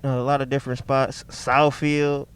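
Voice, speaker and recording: A man's voice: mid-range voice, flat delivery, normal speed, clean tone. A young man from Detroit, a stand-up comedian, telling loose, profane stories in a casual chat inside a car. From Detroit, Michigan.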